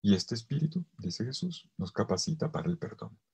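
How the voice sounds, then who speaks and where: Husky-voiced priest lecturing with soft and loud swings. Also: male voice, fairly low pitch, big pitch swings. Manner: swings between loud emphasis and soft, almost whispered phrases; stretches key words slowly for weight. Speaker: priest teaching a theology course. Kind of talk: theology lecture to a virtual audience.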